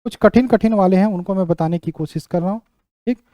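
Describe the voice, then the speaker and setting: A young man leading an exam-prep lesson talks fast, repeating words while writing them out and checking with his students through "ठीक". His high, mellow voice is captured dry, with no echo from the room.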